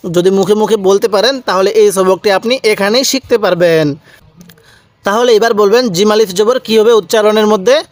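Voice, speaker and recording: High-voiced man teaching slow recitation. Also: dry recording. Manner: drawn-out syllables, repeats each sound and asks the viewer back. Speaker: Quran reading teacher. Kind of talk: slow, patient recitation lesson.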